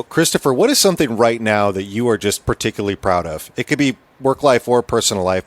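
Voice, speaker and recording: A man's voice: lowish voice, no room sound. A man hosting a podcast, asking questions in a friendly, easygoing way. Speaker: podcast host. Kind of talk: casual interview chat.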